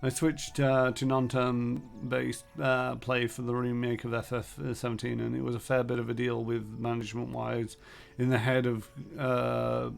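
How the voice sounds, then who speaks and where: Gravelly-voiced man rambling over gameplay. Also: medium pitch, monotone, moderate pace, faint music behind. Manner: rambling, thinking aloud with many fillers. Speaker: streamer. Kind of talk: casual gameplay commentary.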